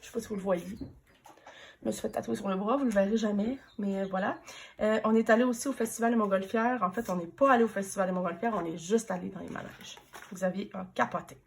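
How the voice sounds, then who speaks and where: A woman's voice: medium pitch, fast, vocal fry, a little hiss or hum. A woman in her thirties with a Quebec French accent, chatting casually in a planner flip-through vlog while still recovering from a throat infection that leaves her voice slightly off. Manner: chatty and relaxed, many hesitations. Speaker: teacher and planner vlogger.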